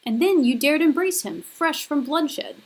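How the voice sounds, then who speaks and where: A woman's voice: high voice, lively intonation, unhurried, pitched above the performer's own voice, rough recording. A woman lecturer voicing the wrathful leader of ancient female avenging spirits in a read-aloud scene, speaking in an accusing, emphatic way.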